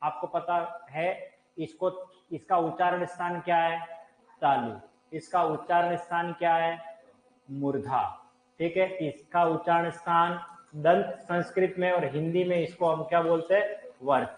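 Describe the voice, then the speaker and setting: A man's voice: fairly high pitch, fairly even intonation, a little slow, low-quality recording. A man teaching a live online Hindi grammar class, talking straight to his viewers, quizzing them and answering his own questions. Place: teaching room with a board.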